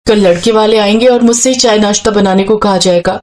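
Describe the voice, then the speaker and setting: A woman's voice: medium pitch, fairly even intonation, fairly quick, a little mellow, slight background noise, lightly acted. A woman voicing a hot-tempered, spoiled young woman who scolds shrilly. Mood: worried.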